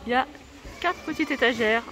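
A woman's voice: sits high, fairly quick, noisy background. A woman vlogging in a discount store, chatty and enthusiastic, with lots of hesitations as she points out new items. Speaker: shopping vlogger. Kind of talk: casual store walkthrough. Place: inside a large discount store.

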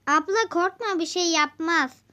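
A woman's voice: extremely high pitch, measured pace, pushed and bright, voice pushed up, heavily acted. A woman voicing a helpful local boy who guides and reassures a visitor. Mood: reassuring. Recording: dull lo-fi recording.

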